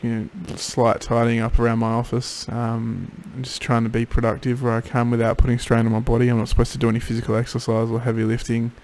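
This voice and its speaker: Tired man with a creaky voice. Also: monotone, fast, few pauses, darkish tone, a little hiss or hum, poor audio. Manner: tired, low-energy. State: tired and drowsy after throat surgery. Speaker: patient keeping a recovery video diary. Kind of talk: casual video diary. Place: home office.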